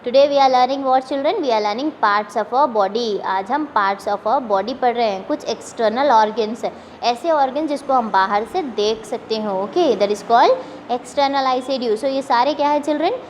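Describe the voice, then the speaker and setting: Woman teacher, slow and high-pitched, quizzing children as she spells words aloud. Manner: mixes Hindi and English, asks children questions. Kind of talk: online class lesson. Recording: echoey room with faint noise.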